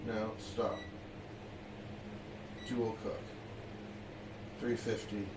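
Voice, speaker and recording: A man's voice: lowish voice, extremely slow, echoey room, far from the mic, background noise. A man hosting a live cooking stream in his basement kitchen, chatting casually and joking as he reads out viewers' messages. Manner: excitable and jokey, reads out chat messages.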